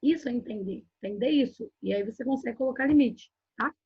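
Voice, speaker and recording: A woman's voice: on the high side, fast talker, slightly rough, dry recording. A woman with a Brazilian Portuguese accent giving a live workshop lesson, explaining step by step and often checking in with "né?" and "tá?". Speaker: workshop instructor. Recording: dull lo-fi sound.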